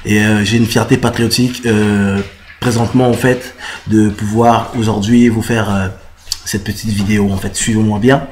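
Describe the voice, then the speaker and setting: Man explaining, halting fillers. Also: on the low side, level tone, darkish tone, slight background noise. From Republic of the Congo. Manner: halting, many "euh" fillers and restarts. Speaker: musician and citizen activist. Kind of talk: casual direct-to-camera explanation.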